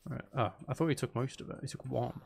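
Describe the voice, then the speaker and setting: Speaking fast in a gravelly, mid-range voice with a darkish tone, a male streamer comments casually on his live gameplay. He thinks aloud and mutters to himself, mildly exasperated. Background music and slight background noise can be heard.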